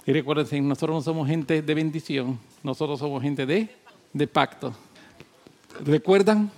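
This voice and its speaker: A male pastor delivers a sermon in a somewhat high voice. He repeats his points with emphasis, rising into loud exhortation and then dropping into quiet, low talk. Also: normal speed.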